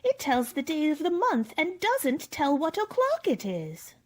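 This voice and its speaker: Woman as Alice, a high-voiced, prim young girl. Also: huge pitch swings, measured pace, darkish tone, heavily acted. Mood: curious. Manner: prim, questioning, indignant. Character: curious young girl Alice, polite but easily indignant. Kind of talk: radio play acting.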